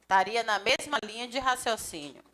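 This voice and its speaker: A grammar teacher, giving a lively classroom lecture. She chats with students and acts out little dialogues. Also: fairly high pitch, a little fast. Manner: lively, chatty, acts out little dialogues, often points things out with "ó". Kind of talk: live classroom lecture for a civil service exam course.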